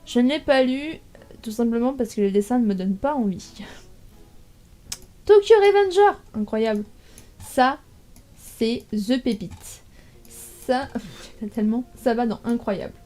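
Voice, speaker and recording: A young woman casually ranking manga in a tier list, thinking aloud with many fillers and pauses. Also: a little high, a little mellow, faint music behind.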